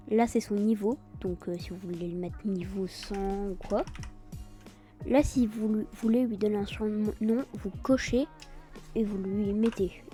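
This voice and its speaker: A woman giving a casual, improvised software tutorial in a hesitant way, with a French accent that turns English-like on some words. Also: medium pitch. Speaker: tutorial video host.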